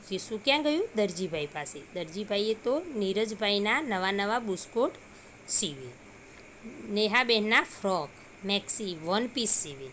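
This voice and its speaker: A woman's voice: mid-range voice, fairly bright tone, a little hiss or hum. A woman teacher reading a story aloud to young children and explaining hard words simply.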